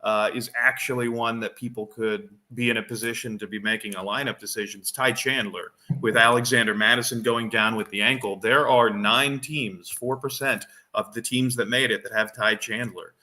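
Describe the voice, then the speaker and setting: Bright-voiced man talking fantasy strategy. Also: mid-range voice, steady tone, normal speed, hardly any pauses. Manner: thinks aloud with frequent restarts and fillers. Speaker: fantasy football podcast co-host. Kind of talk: casual analytical chat.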